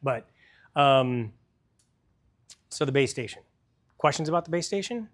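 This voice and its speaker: A man's voice: medium pitch, animated, measured pace. A man presenting a product in a store demo, talking casually and explaining technical details to a crowd.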